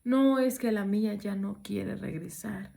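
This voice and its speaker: A woman's voice: medium pitch, measured pace, gravelly, dark tone. A woman quoting a sad, lonely little girl in a plaintive, pleading way, close to her own voice.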